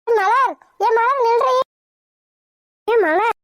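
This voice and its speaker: Woman doing a sweet cartoon bestie, really high voice, coaxes her friend. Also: very slow, no echo, full character voice. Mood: coaxing. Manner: coaxing, soothing. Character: caring young woman friend, coaxing.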